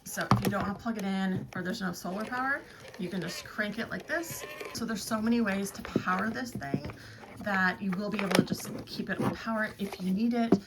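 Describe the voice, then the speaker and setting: Briskly and in a medium pitch, a woman reviews a product in a casual, plain-spoken way, demonstrating each feature while describing it. Background noise comes through clearly, along with handling clicks.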